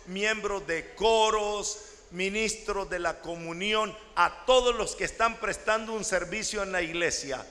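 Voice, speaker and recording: Man, sermon, high voice, unhurried, dramatic shouts, reverberant church hall. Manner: dramatic, slow delivery with sudden shouts. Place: large church.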